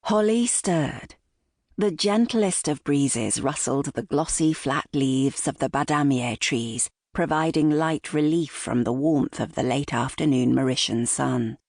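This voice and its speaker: A woman narrating a novel in a measured, expressive storytelling voice. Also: extremely low pitch, dry recording, studio quality. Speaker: audiobook narrator. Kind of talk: scripted narration.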